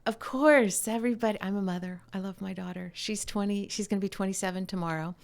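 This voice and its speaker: A middle-aged woman, a mother of a grown daughter, talking in a soft, passionate way that often drops to a near whisper. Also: mid-range voice, steady tone, quick pace, creaky. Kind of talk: casual conversation.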